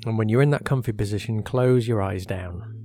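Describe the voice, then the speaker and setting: A man's voice: fairly low pitch, mellow. Soothing man guiding hypnosis over music. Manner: soothing, measured, with short phrases and pauses. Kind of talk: guided hypnosis meditation. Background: meditation music.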